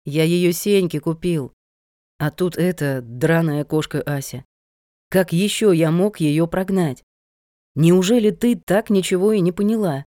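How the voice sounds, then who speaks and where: A woman's voice: fairly low pitch, a little slow, warm tone, dry recording, studio quality, close to an everyday voice. A woman voicing a manipulative man who talks down to his fiancée in a coaxing, condescending way, in an audiobook reading.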